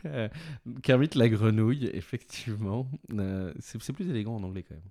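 A man speaks as an interview guest in a fairly low, warm and mellow voice. He hesitates often, restarting his sentences, and laughs easily. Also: normal speed. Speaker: executive director of a watch brand, guest. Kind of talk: podcast interview answers.

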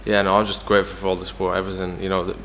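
A man's voice: low-pitched, completely flat delivery, very fast, fairly bright tone, in a large hall, a little hiss or hum. A young Irish man talking casually as the guest in an interview, full of fillers like "you know". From Ireland. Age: young adult. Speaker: footballer guest.

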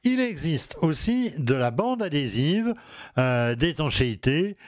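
A man's voice: fairly high pitch, sing-song, unhurried, no room sound, studio quality. A man with a regional French accent hosting a home advice talk show, hesitant with many fillers and restarts. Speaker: radio show host.

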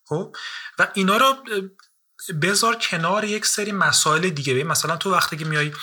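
A man's voice: high-pitched, pushed and bright, breathy edge. A man interviewing a musician, talking casually and searching for words, with many fillers and restarts.

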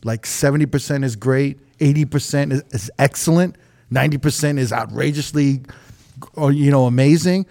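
Mellow and marked by vocal fry, the mid-range voice belongs to a young podcast host talking at a moderate pace. The conversation is casual and profane, peppered with filler words such as "like" and "you know."

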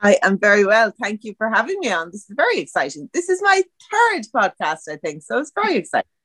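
A Dublin woman with a Dublin Irish accent chats freely as a podcast guest in a casual interview, laughing often. Her voice is fairly high, bright, and full of big pitch swings, and she talks fast on a dry recording.

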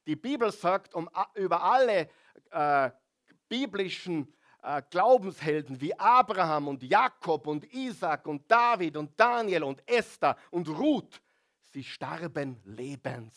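A man preaching in church, unhurried and deliberate. His voice sits a little high, and he stretches out the words he wants to stress. He calls on the congregation to repeat his phrases after him. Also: lively intonation, fairly bright tone. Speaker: pastor. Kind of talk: sermon.

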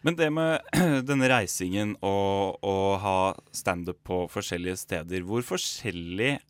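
A man with a low, deep voice hosting a podcast in easygoing chat. He tells his stories at a relaxed pace. The sound is dry and close. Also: clear, resonant tone, dry recording. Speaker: podcast host.

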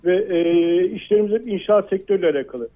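A middle-aged man speaks over a landline phone as a caller to a radio show. The line is thin and tinny, and his voice sits high for a man. He talks earnestly and hesitantly, with frequent filler sounds, and circles back to repeat his point. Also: expressive, racing. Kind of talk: call-in on a radio talk show.

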